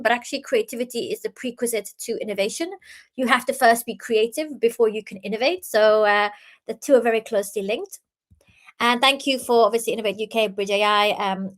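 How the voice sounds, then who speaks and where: A young woman gives a talk on innovation, her voice pitched a touch high. She speaks earnestly, stumbling over restarts and leaning on filler ums as she explains her ideas. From Iran, raised in the UK. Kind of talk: talk presentation.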